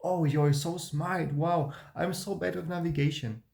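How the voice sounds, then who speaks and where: A man imitating his younger teenage self, an eager people-pleaser speaking in a high, fake-sounding voice. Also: steady tone, unhurried, gravelly, darkish tone. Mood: gushing. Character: eager, overly friendly teen boy, his younger self.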